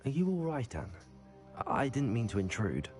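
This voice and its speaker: A man's voice: medium pitch, very animated, normal speed, a little mellow, soft background music, close to an everyday voice. An actor playing a polite, curious young male fifth-year wizard in a video game. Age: young adult.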